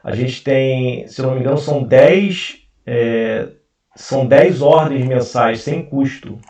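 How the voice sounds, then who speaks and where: A Brazilian investment channel host with a Carioca accent talks through a casual screen-share explainer, hesitating often with many fillers and restarts. His voice is medium-pitched and a little mellow, his pace measured. The recording sounds roomy and distant, as if through a dull mic.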